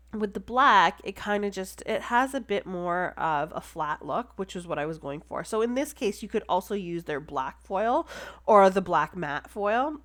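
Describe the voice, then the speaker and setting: Congested lady narrating her card making, chatty and excited about it. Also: mid-range voice. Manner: chatty and enthusiastic. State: stuffy, congested. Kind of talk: casual crafting tutorial voice-over.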